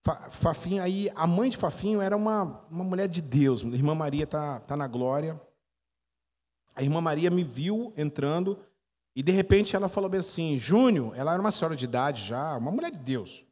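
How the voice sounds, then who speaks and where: Speaking at a moderate pace with lively intonation, this man has a fairly high, slightly mellow voice and a Brazilian Portuguese accent. He's a pastor in his forties from Brazil, telling stories and testing his congregation with questions during a chatty teaching sermon, recorded in an echoey church hall.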